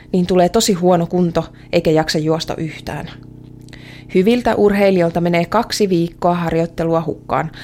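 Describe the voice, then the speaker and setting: A woman's voice: fairly low pitch, darkish tone, slight background noise, natural voice. A woman voicing a young girl who longs for her father's approval, speaking in an earnest, hesitant first-person radio drama monologue.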